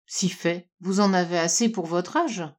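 A woman voicing a kind, sensible old nursemaid who speaks gently and soothingly in a storybook reading. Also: on the low side, unhurried.

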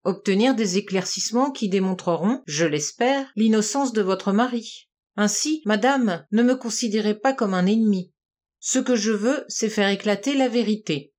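A woman's voice: mid-range voice, normal speed, a little mellow, lightly acted. Stern formal middle-aged cop guy, read by a woman doing an audiobook. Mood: firm. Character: stern middle-aged male police agent, solemn. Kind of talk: audiobook reading.

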